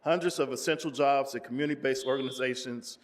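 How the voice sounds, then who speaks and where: A man reading a prepared public comment at a city council meeting in a measured way. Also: medium pitch. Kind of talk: read prepared statement. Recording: long reverb of a council chamber.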